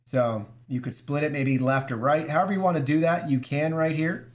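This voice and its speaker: A man with a somewhat high-pitched voice reviews a gadget in a loose, easygoing way. He walks through menus step by step and talks straight to his viewers. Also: steady tone, moderate pace. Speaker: product reviewer. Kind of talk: casual app walkthrough demo.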